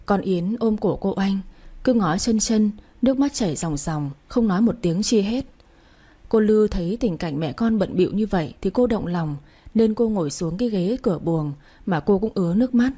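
A woman narrating a novel as an audiobook reader, in an even storytelling manner. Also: medium pitch, breathy edge. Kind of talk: novel reading.

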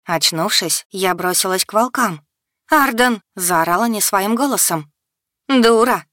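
A woman reads a first-person fantasy audiobook expressively and cries out the heroine's shouts at full voice. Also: lowish voice, moderate pace, no room sound, clean studio sound. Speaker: audiobook narrator.

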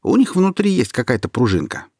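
A man's voice: mid-range voice, wildly swooping pitch, a little fast, a little mellow, dry recording, clean studio sound, voice pushed up. A man reading aloud and voicing a young male charcoal burner who speaks brashly and stubbornly. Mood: scornful. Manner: brash, then firm and defiant.

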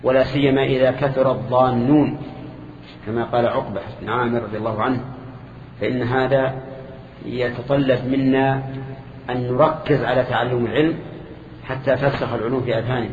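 An older man gives a classical lesson, explaining each phrase in a measured way and putting questions to his students. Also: medium pitch, fairly even intonation. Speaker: sheikh teaching a hadith lesson. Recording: echoey hall, dull old lo-fi tape with hiss.

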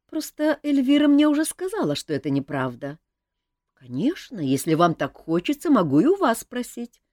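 An outspoken young woman, eager and frank, her pitch leaping up and down, as a woman reader plays her. The recording is close and entirely dry. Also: huge pitch swings, normal speed, dark tone, dry recording. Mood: lively. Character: blunt, lively young woman. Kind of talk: audiobook character voice.

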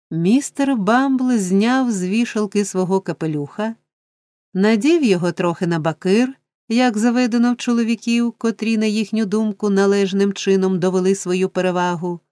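A woman narrating a classic novel as an audiobook, measured and expressive. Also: medium pitch, no echo. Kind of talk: scripted literary narration.

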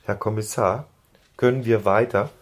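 Man doing a brisk bossy farm woman. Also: on the low side, steady tone, natural voice. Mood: sweet-talking. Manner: brisk, sweet-talking.

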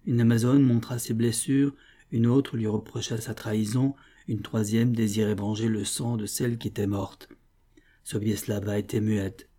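A man reading a novella as scripted narration, measured and solemn. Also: lowish voice, level tone, warm tone. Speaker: audiobook reader.

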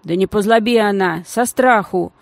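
Женщина озвучивает в аудиокниге застенчивого мальчишку с улицы, говорящего грубовато и по-простому, с бормотанием. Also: female voice, mid-range voice, normal speed, no echo, close to an everyday voice. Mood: gruff. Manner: gruff, folksy, mumbling. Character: shy, rough-spoken street boy.

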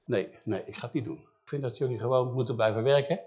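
A man voicing a stubborn, proud king who brushes off every warning in a quick, lower voice. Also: darkish tone, dull audio, close to an everyday voice. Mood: dismissive.

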